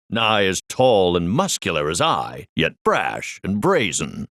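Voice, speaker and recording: A man's voice: medium pitch, fairly bright tone, dry recording, clean studio sound. An actor playing a flamboyant, vain, muscle-bound amusement park director in a video game, with a grandiose showman's manner and formal, flowery diction. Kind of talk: theatrical video game voice acting.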